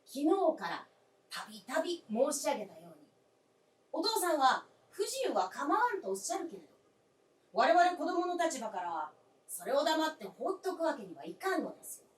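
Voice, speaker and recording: In a live radio drama, a woman with a high, very animated voice plays an earnest, persistent adult son, pleading and insisting with polite formality at a moderate pace. She's recorded from a distance on a roomy stage, with slight background noise.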